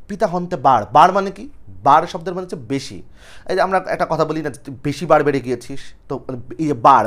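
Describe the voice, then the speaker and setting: A young male teacher walks students through an old poem, asking questions and answering them himself. His voice sits a bit high and swings widely in pitch. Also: fairly bright tone. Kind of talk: explaining a poem line by line to students.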